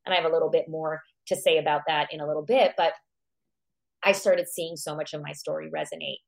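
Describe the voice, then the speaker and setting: In a deep, creaky voice with fairly even intonation and a slightly fast pace, a psychologist guest born in Iran and raised in America reflects on her life, telling personal stories and musing aloud with self-directed questions.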